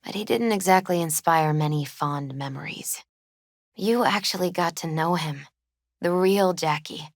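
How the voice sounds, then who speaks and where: Here a gentle woman in her twenties plays a grieving video game character, her fairly low voice dry and free of any room sound. Unhurried, subdued and wistful, she hesitates naturally as she speaks, in a somber, reflective mood.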